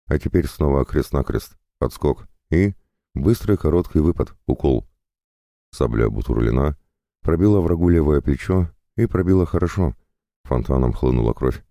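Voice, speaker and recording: A man's voice: a bass voice, expressive, moderate pace, creaky, mellow, no room sound, clean studio sound. A man reading a dramatic adventure story aloud, giving the characters small shifts of voice. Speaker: audiobook narrator. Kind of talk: dramatic audiobook narration.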